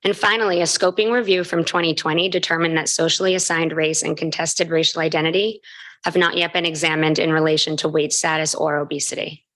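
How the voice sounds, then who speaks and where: Female researcher for a formal seminar talk: low register, scripted delivery with the odd slip. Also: steady tone, brisk, a bit bright, low-quality recording. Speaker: postdoctoral researcher presenting. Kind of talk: academic research presentation.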